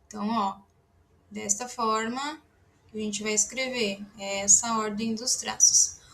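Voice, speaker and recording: A woman teaching a language lesson, patiently writing letters and drilling syllables aloud with strong breathy aspiration. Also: mid-range voice, steady tone, unhurried, pushed and bright. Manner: self-deprecating asides about her handwriting. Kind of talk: slow spoken lesson while writing.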